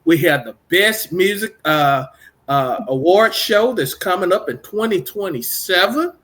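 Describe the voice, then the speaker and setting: A man's voice: high voice, lively intonation, unhurried, fairly bright tone. A middle-aged man from Texas hosting a casual radio interview, rambling and repeating himself in an upbeat way. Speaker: podcast and radio host.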